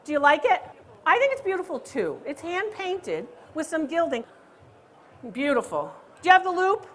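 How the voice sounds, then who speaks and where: A woman who appraises antiques and hosts a comedy show, teasing and ribbing her audience loudly and playfully on a live stage. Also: very high voice. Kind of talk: live stand-up style crowd banter.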